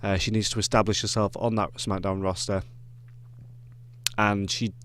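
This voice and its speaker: A man's voice: lowish voice, level tone, moderate pace, fairly bright tone, a little hiss or hum. A man with a Yorkshire accent giving casual wrestling predictions, rambling with lots of ums and self-corrections. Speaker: wrestling reviewer.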